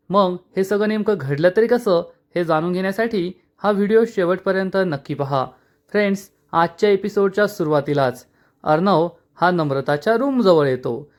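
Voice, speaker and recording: A man with a high-pitched voice recapping a TV serial episode. He narrates dramatically and speaks to his viewers as friends. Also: normal speed. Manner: dramatic, addresses listeners as friends. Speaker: TV serial reviewer.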